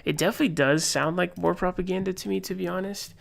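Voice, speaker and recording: A man's voice: high voice, fairly even intonation, fast talker, vocal fry. A young man giving casual live-stream political commentary, rambling with lots of fillers and reading posts aloud. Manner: rambling, filler-heavy, reads tweets aloud.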